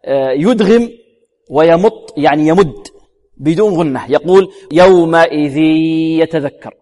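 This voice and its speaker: A man teaching Quran recitation rules, quizzing his listeners with repeated questions and slowly demonstrating each sound. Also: fairly high pitch, expressive, warm tone. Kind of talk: tajweed lesson. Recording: long reverberant hall.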